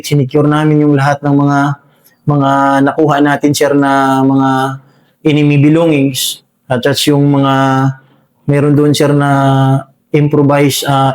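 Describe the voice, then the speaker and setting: A man recounts a firefight in a halting, deferential way, peppering nearly every phrase with fillers and a respectful "sir". His voice sits a little high and stays fairly flat and even throughout. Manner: halting, full of fillers, says "sir" constantly. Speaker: soldier recounting a combat encounter. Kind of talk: spoken war story in an interview.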